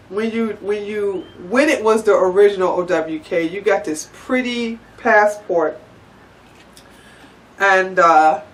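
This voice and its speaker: A woman's voice: medium pitch, distant mic. A woman vlogger ranting to the camera, blunt and sarcastic, swearing freely. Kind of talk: angry profane rant to camera.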